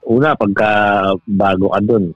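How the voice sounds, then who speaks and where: A man's voice: fairly low pitch, normal speed, no room sound. Man telling a rambling story, laughing. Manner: laughs often while telling stories, many restarts. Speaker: podcast co-host. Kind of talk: casual chat, storytelling. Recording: dull, dry sound with faint music.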